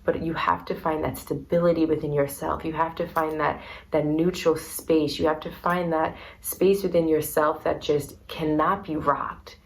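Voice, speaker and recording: A young woman talking earnestly and softly in a personal vlog, repeating her words as she goes. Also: sits low, flat delivery, moderate pace, creaky, poor audio. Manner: soft, earnest and repetitive, gets emotional. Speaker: vlogger. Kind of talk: heartfelt personal vlog talk.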